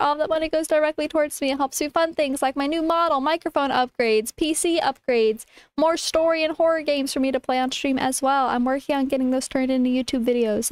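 High-pitched, cutesy young woman streamer. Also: no echo. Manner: cutesy, informal, affectionate wording. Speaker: livestreamer, VTuber. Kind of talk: casual livestream chat to viewers.

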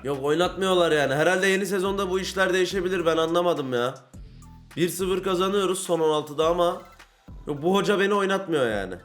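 A young man giving casual commentary on a football video game, getting frustrated, ranting and shouting at big plays. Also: high-pitched, fast talker, faint music behind. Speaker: gaming YouTuber.

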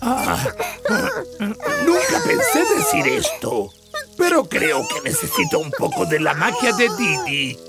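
A big, gentle cartoon uncle creature. He speaks slowly in a gravelly voice that leaps up and down as he gets flustered. Loud music plays behind him. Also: very high voice, wildly swooping pitch, exaggerated voice. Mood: weary, hopeful. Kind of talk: children's cartoon dub acting.

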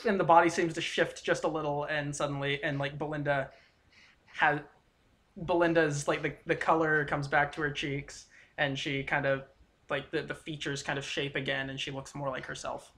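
A man in the game master's seat, describing scenes and calling for rolls. His voice is bright and forceful, and his narration halts often on fillers and restarts. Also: on the high side, flat delivery, normal speed. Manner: hesitant, full of fillers while narrating. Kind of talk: running a tabletop game.

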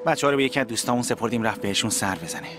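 A man's voice: fairly low pitch, animated, music in the background, close to an everyday voice. An actor dubbing a flustered, apologetic young man in a TV drama. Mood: ashamed. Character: young man, ashamed and upset friend. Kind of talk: dubbed TV drama.

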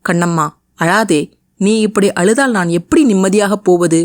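Steady young hero, read by a woman narrator: earnest, reassuring, dry close-miked tone. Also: medium pitch, normal speed, no echo, natural voice. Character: young man, steady hero, gentle but firm.

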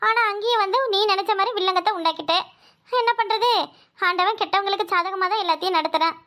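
A haughty, high-voiced cartoon matriarch, as a woman voices her, curt and superior. She talks fast and looks down on the poorer family. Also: pushed and bright. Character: proud, wealthy mother of the groom.

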